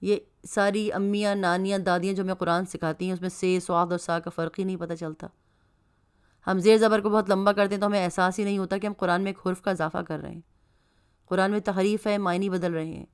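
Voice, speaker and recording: A woman's voice: medium pitch, steady tone, clean tone, natural voice. A woman reading the lecture of a female religion teacher, explaining word roots in an instructive tone.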